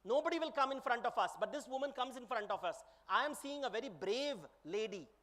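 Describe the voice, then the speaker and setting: A man's voice: very high voice, animated, a little fast, a bit bright. A man with an Indian accent voicing a wise prince who patiently explains to his younger brother. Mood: earnest.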